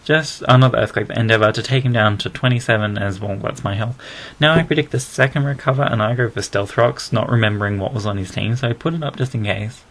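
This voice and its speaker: A man's voice: medium pitch, fast talker, fairly bright tone. A man with an Australian accent giving casual, rambling, self-deprecating commentary over a video game battle, recorded on a built-in laptop mic.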